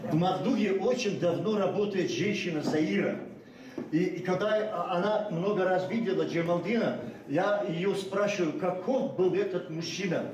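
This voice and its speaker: An older man, first language Ossetian, gives an unrehearsed memorial speech as a guest in an echoey school hall during a public ceremony. His high voice comes through a distant mic over background noise, and he speaks haltingly with many restarts.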